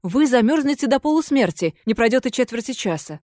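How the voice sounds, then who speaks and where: A woman's voice: fairly high pitch, expressive, fairly quick, darkish tone, no echo, clean studio sound, lightly acted. A woman voicing a fearful, pleading female water ghost in an audiobook, in a plaintive, imploring manner.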